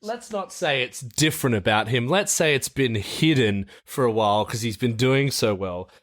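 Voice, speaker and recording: A man's voice: medium pitch, expressive, moderate pace, a bit bright. A man co-hosting a casual podcast discussion who gives blunt, opinionated takes and swears freely. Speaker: podcast co-host.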